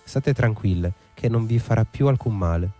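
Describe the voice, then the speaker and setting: A man voicing a sly, shrill old female witch-shaman in a storybook reading. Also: moderate pace, dark tone, faint music behind, lightly acted. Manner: shrill, mocking.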